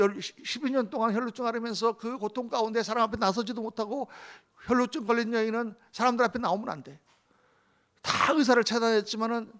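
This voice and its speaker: A man's voice: very high-pitched, fairly bright tone. A male pastor preaching a sermon, emphatic, often asking the congregation questions.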